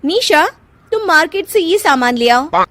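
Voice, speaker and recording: A woman's voice: sits high, lively intonation, measured pace, a bit bright, dry recording, voice pushed up. A woman voicing a spoiled, bullying elder sister-in-law in a moral cartoon, whiny, demanding and snappish. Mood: bossy. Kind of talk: Hindi moral cartoon voice acting.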